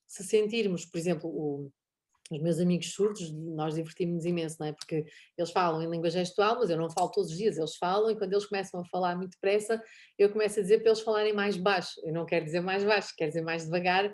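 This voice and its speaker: A woman's voice: lowish voice, quick pace. A middle-aged woman with a European Portuguese accent, talking casually as a guest speaker, laughing often and acting out bits of dialogue. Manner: animated, laughs often, acts out quoted dialogue. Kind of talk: online talk session, casual conversation.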